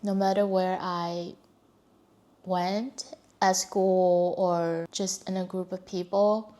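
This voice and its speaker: This vlogger, a young adult woman from China whose Chinese accent reflects her native Mandarin, tells her life story candidly and reflectively. Her lowish, warm voice stays fairly flat in pitch and unfolds slowly.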